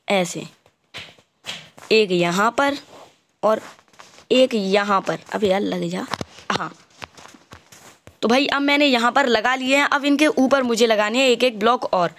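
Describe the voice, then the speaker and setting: A man with a fairly high voice talks casually over his gameplay. He explains every move to the viewer in a chatty, brotherly way. When he slips up, he says so out loud and fixes it on the spot. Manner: chatty, talks the viewer through each step, often calls the viewer "bhai". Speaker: gaming channel host. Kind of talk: casual Minecraft gameplay commentary.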